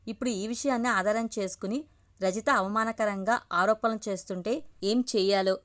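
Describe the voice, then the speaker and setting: Woman reading a family story aloud. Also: mid-range voice. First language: Telugu. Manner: reads every character's lines in her own voice. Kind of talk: scripted narration of a family story.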